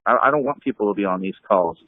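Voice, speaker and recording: A fast-talking man with a lowish voice, an anti-scam blogger, reminisces casually over a group call. The call audio is dry and tinny with no room sound, and he rambles with plenty of fillers and restarts, laughing often as he tells stories.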